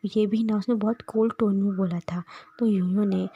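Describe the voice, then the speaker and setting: Soft-spoken woman telling a story half-whispered. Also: medium pitch, steady tone, moderate pace, breathy edge, dull audio. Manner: soft half-whispered narration with frequent restarts. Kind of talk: casual fan-fiction storytelling.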